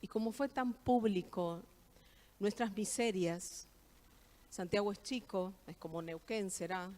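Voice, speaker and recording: A woman's voice: medium pitch, measured pace, a little mellow. A middle-aged woman with an Argentine Spanish accent speaks at a church service. Her voice sits in a medium register, and she tells her testimony earnestly, repeating key phrases for emphasis. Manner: heartfelt, emphatic repetitions. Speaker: guest speaker giving testimony.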